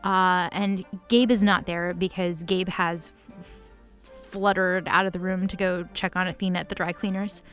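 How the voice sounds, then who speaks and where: A woman with a lowish, slightly bright voice and flat delivery recaps a story at normal speed in a casual, improvised comedic way, using sarcastic, valley-girl phrasing. Music plays under her voice.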